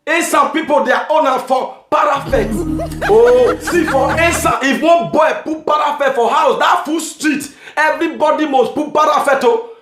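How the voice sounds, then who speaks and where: A man from Nigeria with a Nigerian Pidgin accent, doing a comic monologue, shouting his punchlines and laughing at his own jokes. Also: very high-pitched, normal speed. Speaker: stand-up comedian. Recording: echoey room with music behind.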